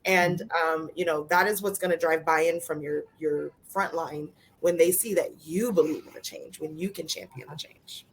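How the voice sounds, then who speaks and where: A woman panelist talks in a plain, earnest way, laughing easily between points. Her voice sits a little low for a woman. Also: steady tone, normal speed, few pauses. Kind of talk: casual panel discussion.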